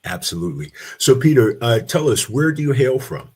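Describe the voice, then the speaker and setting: A man's voice: medium pitch, sing-song, fairly quick, darkish tone, husky. A man hosting a podcast interview, greeting his guest and the audience with enthusiastic welcomes. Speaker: podcast host.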